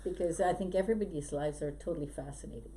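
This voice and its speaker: As a podcast guest, a middle-aged hypnosis trainer who was born in Belgium and grew up in Canada talks fast in a low-pitched, dark voice. The interview is casual, she's chatty and full of life stories, laughing often, and there's faint background noise.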